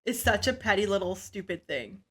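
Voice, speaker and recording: A woman co-hosting a casual podcast, reading listener stories aloud and giving relaxed, opinionated takes that often trail off quietly. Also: medium pitch, moderate pace, husky. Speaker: podcast co-host.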